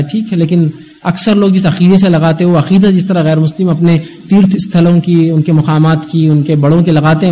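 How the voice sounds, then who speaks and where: A man delivers an Islamic lecture in a high yet mellow voice. He talks with animation, slipping into the voices of the people in his examples. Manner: animated, acts out scolding voices. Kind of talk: religious lecture.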